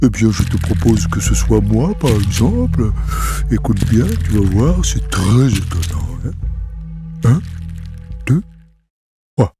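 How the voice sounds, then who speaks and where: A big, touchy male donkey, as a man puts him on for an audio storybook, fond of silly songs. He talks slowly in a swooping sing-song, with clear music playing underneath. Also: fairly low pitch, sing-song. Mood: playful singing. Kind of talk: storybook acting over music.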